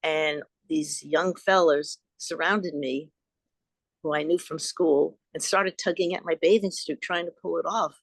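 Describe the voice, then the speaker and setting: A woman's voice: sits low, fairly even intonation, unhurried, no echo. An older woman from Long Island, a guest and author recounting personal experiences in an earnest, rambling way over a video call. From Long Island, New York. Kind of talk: storytelling in an interview.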